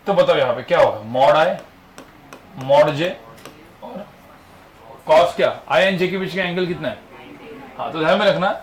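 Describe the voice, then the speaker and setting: A man's voice: on the high side, a little hiss or hum. Man quizzing a physics class. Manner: quizzing students with constant rhetorical questions. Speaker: physics teacher. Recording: echoey classroom with faint ambience.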